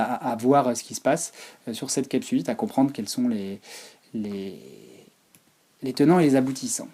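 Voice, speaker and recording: A man's voice: mid-range voice, warm tone. A man presenting a physiotherapy talk over slides, hesitant, with many fillers and restarts. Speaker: physiotherapy lecturer.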